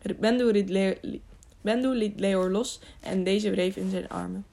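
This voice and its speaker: A woman's voice: medium pitch, normal speed, creaky, warm tone. A woman narrating an audiobook, reading steadily with small slips.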